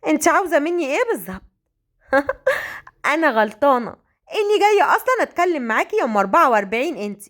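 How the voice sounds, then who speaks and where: A woman with an Egyptian accent voicing a bossy young female coworker, quick and scolding. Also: high voice, sing-song, fairly bright tone, pitched above the performer's own voice. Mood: irritated. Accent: Egyptian Arabic.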